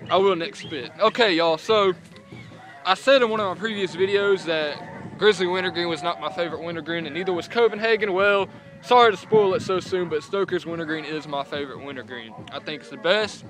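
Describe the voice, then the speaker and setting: High-voiced Southern young man with dip-packed lip. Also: a little fast, rough recording. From North Carolina, USA. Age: young adult. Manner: talking with a lip full of dip, spitting; profane, rambling. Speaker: dip reviewer. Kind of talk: casual outdoor review vlog. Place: outdoors in a rural yard by parked vehicles. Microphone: camera set on a car, about a meter away.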